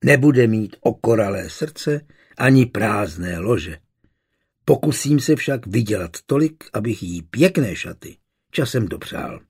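A man's voice: fairly low pitch, animated, darkish tone, breathy edge, exaggerated voice. A man voicing an earnest young suitor. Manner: earnest, determined. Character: young man pleading for his beloved.

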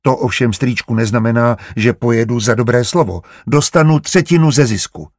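A man voicing a sharp-tongued, stubborn young merchant wife in an audiobook, blunt and quick to argue. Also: mid-range voice, dry recording, studio quality, natural voice. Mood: defiant. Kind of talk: audiobook character voice.

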